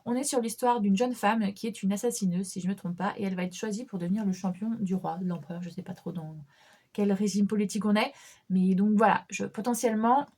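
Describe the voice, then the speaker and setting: A woman's voice: mid-range voice, steady tone, quick pace, a little mellow. A young woman vlogging casually about her reading list, chatty, with frequent fillers, restarts and small laughs. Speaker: book vlogger. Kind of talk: casual chat about books.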